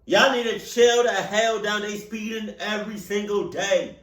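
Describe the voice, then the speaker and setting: A man's voice: sits high, steady tone, measured pace, a bit bright. An American man giving casual reaction commentary in street slang, repeating phrases in an exasperated rant. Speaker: reaction video host. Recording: roomy echo, distant microphone.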